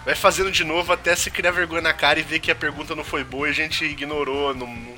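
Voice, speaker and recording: A young man with a Brazilian accent, joking and swearing loudly in a casual podcast chat. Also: fairly high pitch, fairly even intonation, fast talker. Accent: Brazilian Portuguese. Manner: swears a lot, jokey, loud outbursts. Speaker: podcast co-host, game reviewer.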